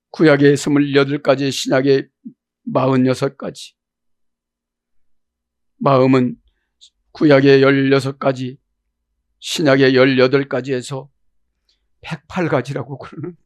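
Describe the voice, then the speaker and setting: A man preaching a sermon as a pastor, checking in with his congregation and swinging between quiet murmurs and loud cries. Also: medium pitch. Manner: emphatic preaching with frequent "네?" check-ins to the congregation.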